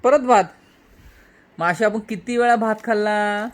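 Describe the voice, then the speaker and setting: A man in his thirties, a father and vlog host, gently and playfully questioning his small daughter in a casual home video. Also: sits high, steady tone, a little slow.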